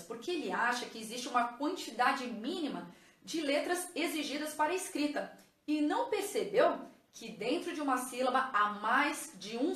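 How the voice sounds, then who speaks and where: A woman's voice: a little high, a bit bright. A woman, a teacher explaining a lesson patiently to viewers and checking in with them as she goes. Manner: patient, addresses viewers as "gente", checks with "ok?" and "tá vendo?". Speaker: teacher and educational psychologist. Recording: echoey room.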